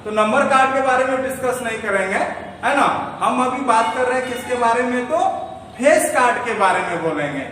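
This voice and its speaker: A man's voice: very high-pitched, brisk, sharp tone, far from the mic, a little hiss or hum. Man teaching in an echoey room. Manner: explains step by step, asks and answers his own questions. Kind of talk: classroom lesson.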